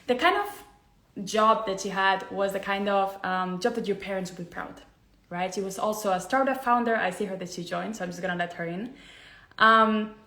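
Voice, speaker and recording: A woman's voice: mid-range voice, fairly bright tone. Female interview host; enthusiastic, upbeat, talks her guest up. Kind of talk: casual interview.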